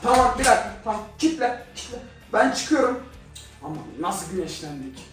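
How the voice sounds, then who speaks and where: Young male vlogger, quick-talking, teasing and excitable, slightly higher voice; echoey room, mic at a distance, music underneath. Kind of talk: casual prank vlog.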